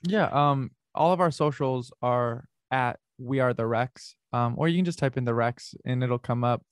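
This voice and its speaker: Young male musician guest, mid pitch, loose and rambling, dry recording. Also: moderate pace, clear, resonant tone, no room sound. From North America. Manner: rambling, many fillers and restarts. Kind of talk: casual interview chat.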